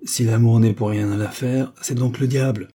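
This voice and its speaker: A man's voice: mid-range voice, normal speed, warm tone, husky, close to an everyday voice. A man voicing a young defense lawyer who questions his client patiently and coaxingly. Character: young male lawyer, probing, patient, gently persuasive.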